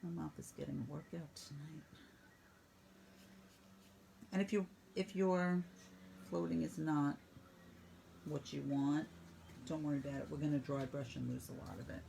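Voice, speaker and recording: A woman painting instructor walking students through each brush stroke in a brisk, teasing teaching manner. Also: sits low, steady tone, gravelly, background noise. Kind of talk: step-by-step painting lesson.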